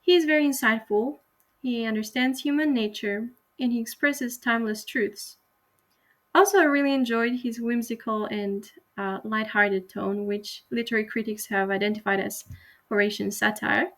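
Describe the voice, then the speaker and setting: A young woman, a university student, giving an earnest, explanatory class presentation on a poem, with frequent pauses and restarts. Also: on the high side, steady tone, fairly bright tone.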